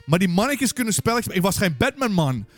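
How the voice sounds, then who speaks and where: A man's voice: high voice, sing-song, fairly quick, no room sound. A man co-hosting a casual podcast chat, teasing his co-host and ranting with frequent swearing.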